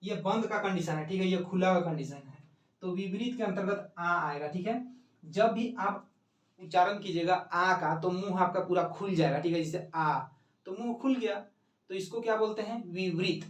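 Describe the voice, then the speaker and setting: A man with a fairly high voice teaches an exam-prep lesson, patiently repeating key points and checking in with his listeners. He is recorded from some distance in a room with a noticeable echo. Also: moderate pace. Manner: explains step by step, asks and answers his own questions, repeats "ठीक है". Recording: echoey room, mic at a distance.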